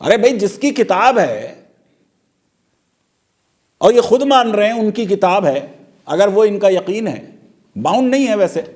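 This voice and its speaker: A man's voice: high voice, sing-song, unhurried, long pauses, a little mellow. A man giving legal commentary and poking fun at a court petition with sarcastic rhetorical questions.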